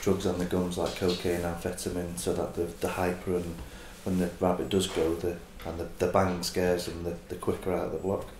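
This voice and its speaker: A forty-year-old man answering interview questions haltingly, with many fillers and restarts. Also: low-pitched, completely flat delivery, darkish tone, roomy sound, slight background noise, poor audio. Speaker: interviewee, greyhound adopter. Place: indoor room, seated in armchair.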